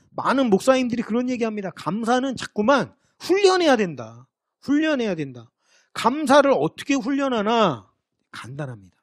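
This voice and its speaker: A man's voice: sits high, dry recording, clean studio sound. A man preaching a sermon as pastor, talking to the congregation in a conversational, storytelling way and acting out the people in the story. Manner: conversational, lively storytelling with acted quotes.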